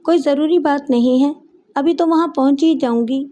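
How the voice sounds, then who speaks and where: A woman's voice: sits high, normal speed, mellow, natural voice. A woman voicing an evasive young woman. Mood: pleading. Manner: pleading, evasive. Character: young woman factory worker, tearful and evasive. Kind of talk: audiobook character voice.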